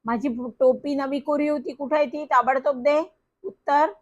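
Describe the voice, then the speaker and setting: A woman's voice: sits high, steady tone, normal speed, natural voice. A woman voicing an outraged chess player over fifty. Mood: indignant. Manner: outraged, demanding. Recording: dull lo-fi recording.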